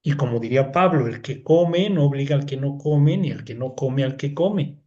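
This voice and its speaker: A man's voice: mid-range voice, moderate pace, a little mellow, highs cut off. A man with a Mexican accent leading a Bible study, reading scripture aloud and explaining it in a chatty way, often checking in with "¿no?". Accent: Mexican Spanish. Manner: reads scripture aloud, then explains it conversationally with frequent "¿no?" checks.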